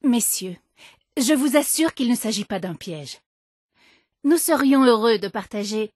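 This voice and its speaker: Earnest shelter leader, highish voice, courteous, formal, conciliatory, video game character, dry sound. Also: female voice, animated, unhurried, darkish tone, no echo. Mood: reassuring. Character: polite, earnest female leader of a pacifist shelter community.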